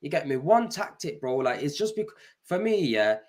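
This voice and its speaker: A man's voice: on the high side, big pitch swings, moderate pace, a little mellow. A man, a football fan complaining in casual chat, often tagging lines with "bro" and "you get me".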